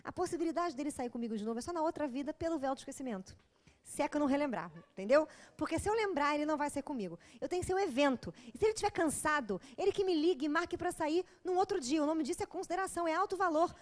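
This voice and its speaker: A woman with a Brazilian accent giving a lecture, telling frank stories and acting out dialogue in an animated way. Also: sits high, rapid-fire. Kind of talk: lecture with lively anecdotes.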